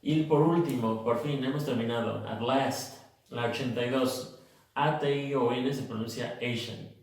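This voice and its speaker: A man teaching English pronunciation in a slow, methodical way, drilling word lists one by one. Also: mid-range voice. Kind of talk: recorded phonics lesson. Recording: echoey room, mic far off.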